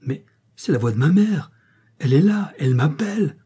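A torn young man read by a male narrator speaks with urgent emotion in a dark, husky voice. It is a classic adventure story told by one reader. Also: a little high, animated, moderate pace, pitched above the performer's own voice.

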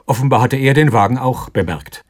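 Brief: male reader, first-person narration, tense, mid pitch. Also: animated, fairly quick. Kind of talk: scripted literary narration.

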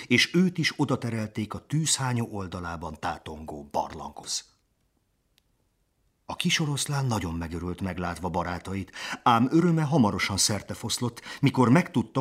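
A man narrating a children's storybook in an expressive, lively way. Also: lowish voice, breathy edge. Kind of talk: storybook reading.

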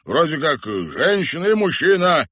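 A man's voice: fairly high pitch, very animated, a little slow, pushed and bright, dry recording, studio quality, voice pushed up, heavily acted. A man voicing a coarse, boastful, greedy man in a storybook. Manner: gruff, boastful, condescending.

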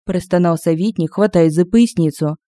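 A woman reads a comic fantasy story aloud with expressive, lively delivery. Her voice is mellow and soft-toned, and it sits close on a dry home-studio mic. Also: fairly low pitch, normal speed, no room sound. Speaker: audiobook narrator. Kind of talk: scripted narration of humorous fantasy.

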